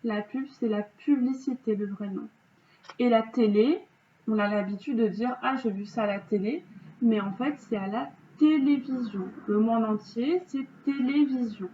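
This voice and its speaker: A woman teacher slowly correcting vocabulary exercises, explaining rules patiently step by step. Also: on the high side, a little hiss or hum. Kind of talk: remote vocabulary lesson correction. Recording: dull lo-fi home recording.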